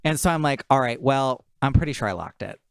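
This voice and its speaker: A man's voice: mid-range voice, fast talker, gravelly, smooth, no room sound. Casual man telling a funny story. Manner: animated storyteller, acts out text messages. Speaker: podcast co-host.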